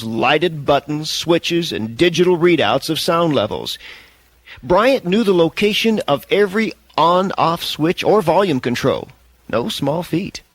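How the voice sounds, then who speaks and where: Man, audiobook narrator, measured expressive storytelling, lively intonation, dry close sound. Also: fairly high pitch, no room sound, low-quality recording.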